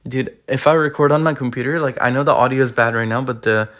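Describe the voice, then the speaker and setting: A young man giving casual, slangy gaming commentary while ranking cards, full of fillers, his voice going a bit hoarse, recorded on a tablet. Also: mid-range voice, fast, fairly bright tone. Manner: rambling, slangy, filler-heavy. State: losing his voice. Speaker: gaming YouTuber. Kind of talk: casual tier-list commentary. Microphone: iPad recording.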